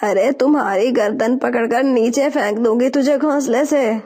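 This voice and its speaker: A woman's voice: fairly high pitch, dark tone, natural voice. A woman voicing a spiteful, bossy old female sparrow mother-in-law who scolds. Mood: scolding.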